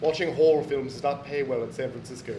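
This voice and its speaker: A man's voice: mid-range voice, fast talker, very noisy. A man co-hosting a live comedy show, asking the guest questions in a mock-earnest way and slipping in dry jabs. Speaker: co-host. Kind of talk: live comedy podcast banter. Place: small live venue on stage. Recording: echoey live room with crowd.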